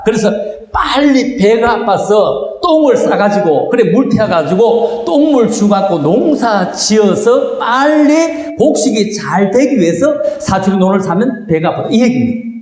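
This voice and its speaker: An older man lecturing a live audience in a large meeting hall through a small microphone, animated and quizzing the crowd with questions. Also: high voice, unhurried. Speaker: lecturer at a gathering. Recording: very echoey hall with long reverb.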